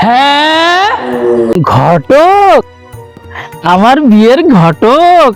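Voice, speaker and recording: A man's voice: very high voice, sing-song, extremely slow, soft background music, exaggerated voice. A man voicing a hard-of-hearing young male villager, dreamy and sing-song, eager to wed.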